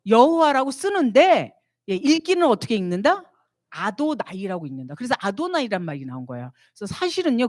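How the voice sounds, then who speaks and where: Lady missionary teaching at a church retreat, very animated, asks questions then answers them, dry sound. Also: a little high, no echo. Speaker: missionary lecturer.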